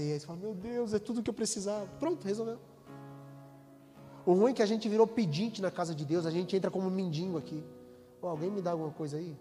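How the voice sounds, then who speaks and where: A man's voice: on the high side, darkish tone. Man, pastor, sermon, acts out dialogue, long reverb of a church hall. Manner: preaches with rising intensity, acts out quoted dialogue.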